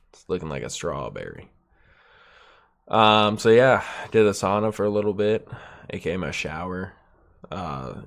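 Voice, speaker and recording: A man hosting a solo podcast, chatting in a rambling, laid-back way with lots of fillers and swearing, his nose stuffed up. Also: low voice. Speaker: podcast host. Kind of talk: solo casual podcast chat.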